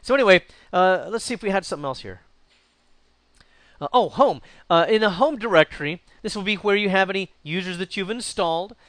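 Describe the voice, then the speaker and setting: Man giving a software tutorial. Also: high voice, a little fast, no room sound. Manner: relaxed, thinking aloud with frequent uh and restarts. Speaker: instructor. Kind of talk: screen-recorded software tutorial.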